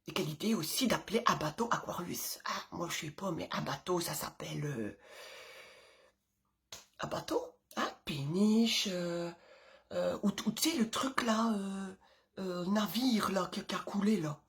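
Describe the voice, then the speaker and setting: Chatty rambling mom, drops to whispers. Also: female voice, lowish voice, a little slow, gravelly. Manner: rambling and animated, frequent fillers and asides, dropping to whispers. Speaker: vlogger, mother of several children. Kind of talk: casual chatty monologue to camera.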